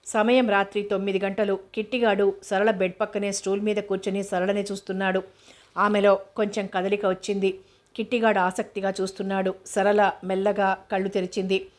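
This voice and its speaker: A woman reads a novel aloud as an audiobook. Her pitch is mid-range and her delivery is flat and steady. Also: fairly quick. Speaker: narrator.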